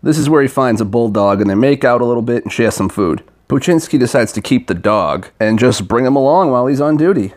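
A man's voice: medium pitch, animated, a little fast, hardly any pauses, darkish tone. Scathing, sarcastic male video reviewer. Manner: scathing, sarcastic critique with crude language. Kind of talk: scripted comedic review narration.

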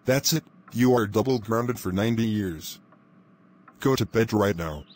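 A man's voice: fairly low pitch, unhurried, a little mellow. A man voicing a bossy adult figure who keeps grounding others, repeating the same words over and over in a comic cartoon. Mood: outraged. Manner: repetitive, chanting strings of the same word. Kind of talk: comedic grounded-video animation voice.

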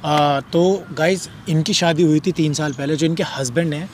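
A man hosting a street prank vlog in a slightly high voice, earnest and reassuring, rambling a little with fillers as he explains. There is faint traffic noise outdoors. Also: moderate pace, a little mellow. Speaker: prank video host. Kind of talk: casual vlog introduction.

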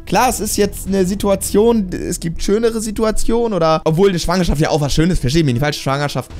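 A man's voice: high voice, fairly quick, darkish tone, soft background music. A man giving casual reaction commentary on a TV show, exasperated and talking back at the screen.

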